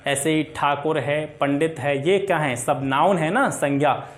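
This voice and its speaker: A man's voice: a little high, steady tone, measured pace. A man teaching a Hindi grammar lesson for exam preparation, listing example words and asking and answering his own questions. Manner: often adds filler checks like "theek hai".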